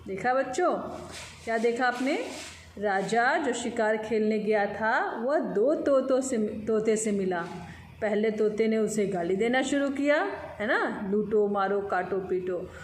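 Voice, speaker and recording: A woman Hindi teacher speaking slowly and clearly to children in an online class from home. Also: on the high side. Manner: slow, clear, patient teacher talk to children. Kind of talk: online class lesson with story reading. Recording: echoey room, faint background noise.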